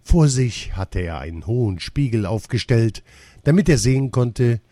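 Ein Mann, der ein Kinderbuch als Hörbuch ausdrucksvoll und gemessen vorliest. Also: male voice, mid-range voice, no echo. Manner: expressive, measured storytelling. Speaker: audiobook narrator. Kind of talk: children's story narration.

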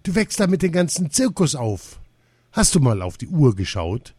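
Ein Mann, der ein freches junges Mädchen aus dem Zirkus spricht, neckend und vorlaut. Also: male voice, a little high, sing-song, moderate pace, warm tone, slightly rough, no room sound, clean studio sound, pitched above the performer's own voice. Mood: cheeky. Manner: cheeky, teasing. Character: cheeky young circus girl.

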